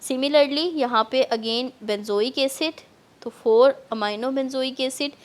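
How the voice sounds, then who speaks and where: Pakistani lady chem teacher, slow explaining, lots of english words thrown in, higher voice. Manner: slow, explanatory, mixing English terms into Urdu. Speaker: chemistry lecturer. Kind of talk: classroom lecture.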